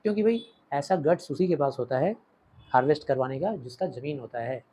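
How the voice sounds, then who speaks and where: A man's voice: fairly high pitch, lively intonation, a little fast, warm tone, a little hiss or hum, rough recording. A man with an Indian English accent teaching a play, explaining it line by line and moving between Hindi and English. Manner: explains line by line, switching languages. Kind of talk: Hindi-English literature lesson.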